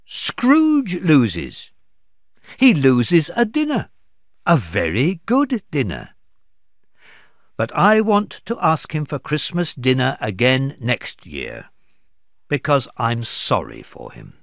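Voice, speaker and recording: A man reading aloud voices a kind, cheerful young nephew with a raised, bright delivery. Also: mid-range voice, huge pitch swings, slow, no echo, studio quality, exaggerated voice. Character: male kindly Cheerful nephew Fred.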